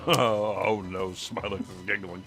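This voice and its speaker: A man's voice: lowish voice, measured pace, faint music behind. A man riffing with friends on a live stream, laughing often in casual banter. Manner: laughing, lively. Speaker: panelist on a live riff stream.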